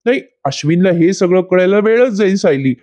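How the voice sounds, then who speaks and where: Level-headed husband, voiced by a man: mellow, even. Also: high-pitched, fairly quick, voice pushed up. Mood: calm.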